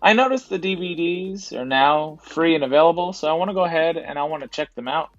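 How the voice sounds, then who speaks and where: Brisk and expressive, a man with a somewhat high, slightly bright voice casually explains his thrift trip for a reselling vlog, leaning on the phrase "to be honest." There's no echo, the highs are cut off, and soft music runs in the background.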